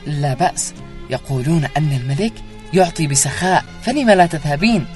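A man's voice: on the high side, lively intonation, brisk, soft background music, lightly acted. A man acting a just, caring young king in a formal radio drama, dignified and declamatory. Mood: kindly, assured.

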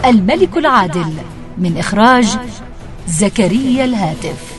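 A woman's voice: mid-range voice, animated, moderate pace. A woman radio announcer formally presenting a drama and its credits. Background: prominent music.

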